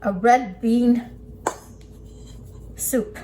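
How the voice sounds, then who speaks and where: Warm in tone and a little high, this woman's voice keeps a fairly even intonation and draws out her words. She's an instructor running an informal cooking demonstration at an indoor work table, describing each step as her hands work, while kitchen ambience comes through clearly.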